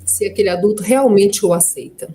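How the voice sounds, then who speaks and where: A woman's voice: medium pitch, brisk, slight background noise. A middle-aged Brazilian woman, an adoptive mother, telling personal anecdotes in a panel talk and often tagging her sentences with questions. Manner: warm anecdotal telling, frequent tag questions. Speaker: adoptive mother and guest speaker.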